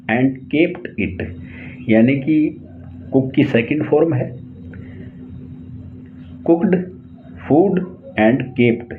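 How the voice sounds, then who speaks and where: A man with an Indian accent teaching English tenses in Hindi, slowly spelling out each example sentence word by word. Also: mid-range voice. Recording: tinny phone-like lo-fi audio, faint hiss.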